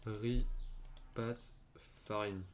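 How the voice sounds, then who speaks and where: A man's voice: on the low side, fairly even intonation, extremely slow, a little hiss or hum. A young adult man from France with a French accent, chatting casually and hesitantly while streaming a game, with many fillers and restarts. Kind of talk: casual gaming chat.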